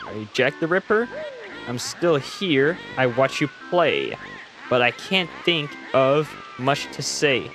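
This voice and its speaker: A man's voice: mid-range voice, sing-song, slow pace, over music. A man hosting a gaming video, chatting casually and rambling uncertainly with lots of fillers. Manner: rambling, unsure, many fillers. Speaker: gaming channel host. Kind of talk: casual gameplay commentary.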